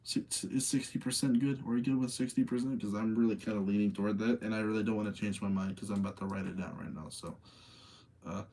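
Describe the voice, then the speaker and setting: A tired man hosts a casual live rating session late at night, chatting with his audience and rambling as he thinks aloud through his opinions. His lowish, mellow voice keeps a steady tone and moves fast, captured on a low-quality recording.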